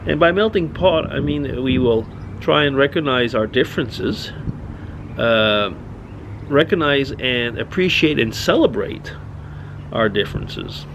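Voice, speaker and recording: Middle-aged man from Switzerland, casual rambling vlog monologue, gravelly voice, faint hiss behind. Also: medium pitch, lively intonation, a little slow. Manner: rambling, musing, many restarts. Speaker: vlogger.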